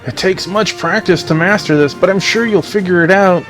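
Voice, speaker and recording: A man in a relaxed, chatty gameplay commentary, his voice a little higher than most men's. He rambles between fights and reads out the on-screen dialogue, with clear game music running underneath. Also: normal speed. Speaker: let's play host.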